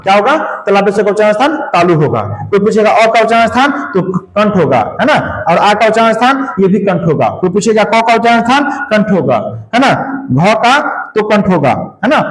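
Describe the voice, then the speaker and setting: A man's voice: high-pitched, echoey room, poor audio. A male teacher giving a grammar lesson to students, asking questions and answering them himself, with frequent checks such as "right?".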